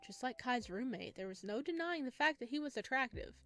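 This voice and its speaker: Over background music, a woman hosts a let's play of a visual novel, reading the game text aloud and adding casual reactions. Her voice sits high and sounds animated, brisk, and a bit bright.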